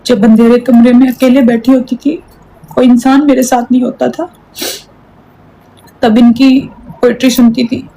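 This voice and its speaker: Earnest young woman with a soft dark voice. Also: a little high, level tone, a little slow, long pauses, poor audio. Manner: earnest, pleading, repeats herself. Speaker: TikTok live streamer. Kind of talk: emotional live-stream chat.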